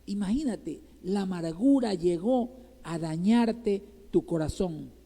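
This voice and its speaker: A man's voice: high voice, lively intonation, takes it slowly, warm tone. A male pastor from Ecuador preaching a sermon in Ecuadorian Spanish, asking the congregation rhetorical questions and checking with them again and again. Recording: reverberant church hall.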